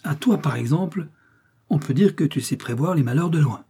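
A man's voice: on the high side, lively intonation, moderate pace, warm tone, husky, voice pushed up, heavily acted. A man voicing a blunt aristocratic prince who speaks with irritated authority, in an audiobook reading. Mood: mocking.

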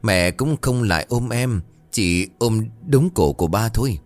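A man reading a ghost story, voicing a small frightened girl who murmurs softly. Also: on the low side, lively intonation, a little slow, no room sound, voice pushed up. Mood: eerie, fearful. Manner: soft, fearful murmuring.

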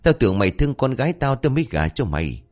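A man voicing a loud, brash old mother-in-law who scolds and curses. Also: mid-range voice, very animated, fast talker, voice pushed up, lightly acted. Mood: furious. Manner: shouting curses.

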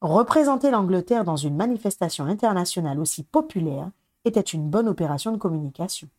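A woman reading a storybook aloud in an even, measured way. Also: on the low side, dry recording, clean studio sound. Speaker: audiobook reader. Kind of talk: storybook narration.

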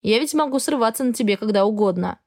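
A woman voicing a cold, arrogant male dragon husband who speaks in a flat, indifferent tone. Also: a little high, fast.

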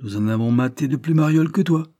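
A man's voice: on the high side, fast talker, dark tone, no room sound, studio quality, voice pushed up, lightly acted. A man voicing a disgruntled, down-at-heel detective employee who talks back to his boss in a sullen, defiant tone.

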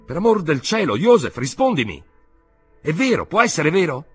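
A man's voice: medium pitch, sing-song, a little fast, husky, faint music behind, voice pushed up. A man reading an audiobook, voicing an agitated elderly country uncle who talks urgently and pleads. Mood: alarmed.

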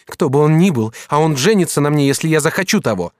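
A high, lively young maidservant, as a man acts her out, devoted and quick to take offence. Her lines leap and fall as she pleads and protests. The sound is close and dry, with no room around it. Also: dry recording, lightly acted. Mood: defiant. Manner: emphatic, pleading, rising exclamations. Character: young woman servant, devoted, proud, quick-tempered. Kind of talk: audiobook character reading.

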